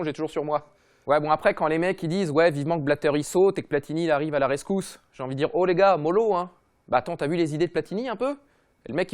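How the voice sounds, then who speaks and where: A man hosting a comedy football show, ranting in a mocking, slangy, rapid-fire way. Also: on the high side. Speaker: comedy football podcast host. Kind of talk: fast comic rant.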